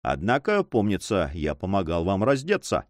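A man's voice: low voice, wildly swooping pitch, normal speed, no room sound, clean studio sound. A man voicing a grumbling, sleepy male servant who talks bluntly and exclaims a lot. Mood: exclaiming.

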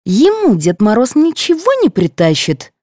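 A woman's voice: fairly high pitch, wildly swooping pitch, moderate pace, mellow, no echo, studio quality, pitched above the performer's own voice. A woman voicing a jealous, sulky teenage girl who complains resentfully in an audiobook. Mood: sulking. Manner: whiny, resentful.

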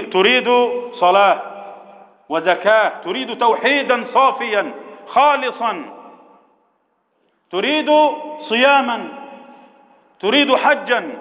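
A man preaching a sermon, retelling a story and drawing out key words as he addresses his listeners as brothers. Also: high-pitched. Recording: echoey hall, dull lo-fi sound.

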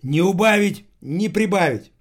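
A man voicing a cheery, simple-minded, toothless old cleaning woman in a high, loud put-on voice. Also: expressive, measured pace. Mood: approving.

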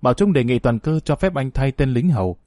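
A man narrating a novel in a steady, even reading voice. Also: medium pitch, a little fast, dry recording, studio quality. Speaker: audiobook narrator. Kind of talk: scripted narration.

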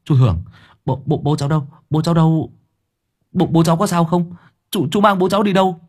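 A man's voice: on the high side, big pitch swings, measured pace, dark tone, pitched above the performer's own voice. A man voicing an anxious young boy who stammers out his words. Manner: stammering, urgent.

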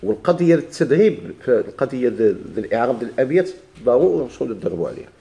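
A man's voice: mid-range voice, very animated, very fast, creaky, mellow. A man with a Moroccan Arabic accent teaching a grammar lesson, asking his class questions and answering them himself while he repeats the key points.

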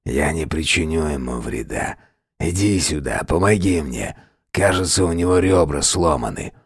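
A man voicing a hoarse, creaky-voiced stranger over a hundred years old, calm and matter-of-fact, in an audiobook. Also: rumbling low, normal speed, no room sound, clean studio sound, pitched below the performer's own voice, full character voice. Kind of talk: audiobook character voice.

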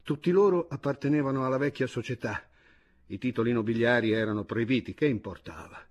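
A man reading literary fiction aloud as a first-person narrator, measured and grave. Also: medium pitch, darkish tone, dull audio. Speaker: audiobook reader.

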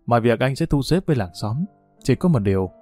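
A man reading the lines of a calm young male village cadre who speaks softly but with a quiet menace. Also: medium pitch, fairly quick, faint music behind, natural voice. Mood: quiet, controlled. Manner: soft-spoken, controlled.

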